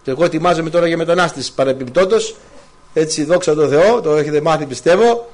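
A man's voice: on the high side, darkish tone. A man preaching a sermon to his congregation, full of rhetorical questions and quoted scripture.

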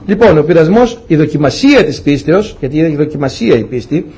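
A preacher with a husky, slightly high voice speaks to his congregation. His sermon is conversational, and he acts out the people in his anecdotes. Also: animated, a little mellow.

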